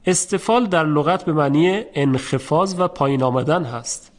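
A man teaching Quran recitation in a patient, methodical way, stretching out example sounds slowly and clearly. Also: fairly high pitch. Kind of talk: instructional lesson.

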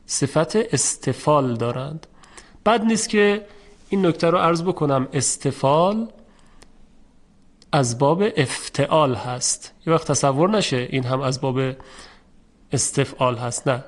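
Patient, slightly high-voiced male teacher. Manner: patient, methodical explaining with slow drawn-out example sounds. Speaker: Quran recitation teacher. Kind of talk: instructional lesson.

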